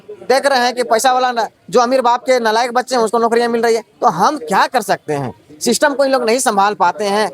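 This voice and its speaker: High-voiced young man protesting fast. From Jharkhand. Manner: indignant, rapid, rhetorical questions. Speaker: protesting exam candidate. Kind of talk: impassioned street interview.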